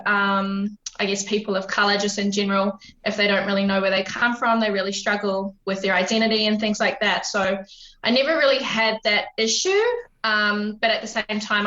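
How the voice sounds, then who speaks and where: A woman in her late twenties with a New Zealand accent talks casually as a podcast guest, peppering her sentences with ums. Her voice is bright and forward, though the line sounds roomy and somewhat muffled. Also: mid-range voice. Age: 20s. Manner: chatty, frequent ums, laughs easily. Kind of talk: casual interview chat. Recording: roomy, dull lo-fi remote line.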